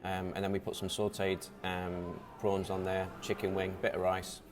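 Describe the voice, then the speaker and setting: A man's voice: sits low, completely flat delivery, normal speed. A man co-hosting a casual food chat, explaining dishes and listing ingredients with many ums. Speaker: deli co-host.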